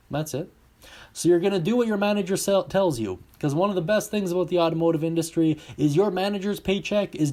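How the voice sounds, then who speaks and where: A man's voice: a little high, a little mellow. A man coaching car salespeople in a blunt, emphatic instructional talk.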